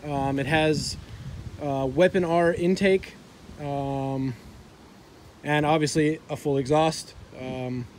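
A young man with a slightly high voice chats casually to a phone held at arm's length outdoors. He talks in laid-back skater-bro slang, and faint ambient noise sits behind him. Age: young adult. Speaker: car vlogger. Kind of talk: casual vlog talk. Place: outdoors, driveway and open skatepark.

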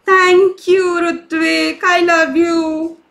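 Cheerful high-voiced woman teaching crafts. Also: level tone, very slow, vocal fry, fairly bright tone. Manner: cheerful, coaxing, asks kids many questions. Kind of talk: live online kids' craft session.

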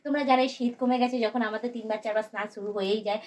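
A woman vlogging in her bedroom at home with a sore throat, keeping her voice soft. She rambles chattily to her viewers while she does the housework. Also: fairly high pitch, steady tone, rapid-fire. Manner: rambling, talks straight to viewers while doing chores. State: sore throat, speaking softly. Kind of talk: casual chatty vlog.

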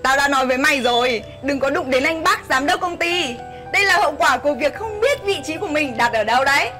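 A woman's voice: sits high, lively intonation, quick pace, bright, forceful tone. A woman acting a scornful, arrogant young wife who betrays her husband, in a web skit drama. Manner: sneering, arrogant. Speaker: actor. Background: background music.

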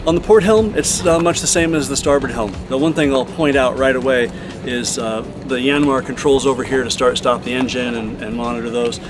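A laid-back man at an ordinary pitch, showing off his catamaran out on deck and down in the engine room. His talk meanders, full of fillers and restarts. Music plays clearly underneath him. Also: a little fast. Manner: relaxed, rambling, lots of ums and uhs. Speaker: boat owner giving a tour. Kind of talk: casual walkthrough vlog. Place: aboard a sailing catamaran, outdoors and in engine room.

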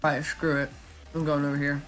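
A man giving casual live commentary while he plays a shooter game, talking in a flat, chatty way with lots of ums. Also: on the high side, fairly quick, faint music behind. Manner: self-described monotone, chatty, with frequent ums. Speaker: gaming YouTuber.

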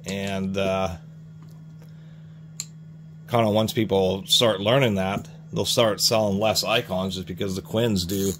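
A man's voice: sits low, fairly even intonation, slow, long pauses, a little hiss or hum. A man reviewing hand tools at his workbench in a casual, explanatory way, rambling and restarting his sentences. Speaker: tool reviewer. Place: workshop bench, hands on tools.

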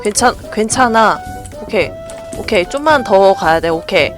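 A woman giving let's play commentary on a tense game, alternating yelps with hushed self-soothing mutters. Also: medium pitch, lively intonation, moderate pace, over music. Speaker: gaming YouTuber.

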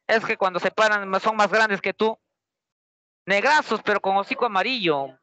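High, bright-voiced Peruvian teacher. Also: male voice, normal speed, no echo. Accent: Peruvian Spanish. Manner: lively, chatty, keeps quizzing students with rhetorical questions. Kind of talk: anecdotal storytelling to a class.

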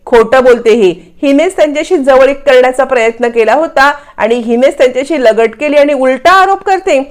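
A woman's voice: sits high, fairly quick, natural voice. A woman narrator voicing a spiteful young woman who taunts and accuses the heroine. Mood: taunting.

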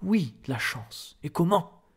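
A man voicing a placid, oily newspaper director who hems and hedges, in a soft-spoken ASMR reading. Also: mid-range voice, moderate pace, natural voice. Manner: oily, hesitant with ums. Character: smooth, placid middle-aged male newspaper director, unctuous.

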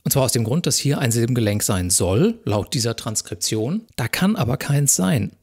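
A medium-pitched man speaking at normal speed records a university lecture, working methodically and calmly through exam questions one step at a time while talking straight to his viewers.

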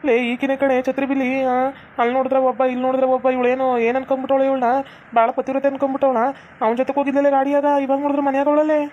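A woman's voice: sits high, flat delivery, lo-fi sound, slight background noise, close to an everyday voice. A woman doing a nosy gossiping village girl. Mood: scornful. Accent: North Karnataka Kannada. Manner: quick gossiping chatter.

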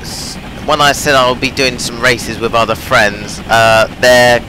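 On a noisy home recording, this young gaming channel host talks his way through a train simulator with a mid-range, fairly even voice at an unhurried pace. He rambles hesitantly, using lots of fillers, and sounds strained, as he's losing his voice from overuse.

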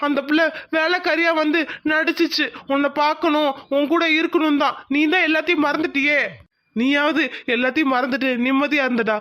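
A woman's voice: high voice, steady tone, fairly quick, a bit bright, dull audio. A woman voicing an earnest young village man who pleads with his friend in a cartoon. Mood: urging. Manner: pleading, insistent storytelling.

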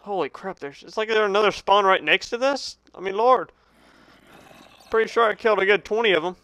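A young man commentating his own game as he plays, joking with the game and yelping when startled, then dropping to a hushed mutter when tense. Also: high-pitched, brisk, no echo. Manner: jokey, talks to the game, yelps when startled. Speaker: gaming channel host. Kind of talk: Minecraft let's play commentary.

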